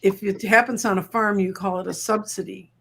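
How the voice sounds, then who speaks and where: A woman's voice: medium pitch, steady tone, brisk, gravelly, fairly bright tone, slight background noise. A woman co-hosting a casual live chat, talking at length in a wry, opinionated way. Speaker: co-host.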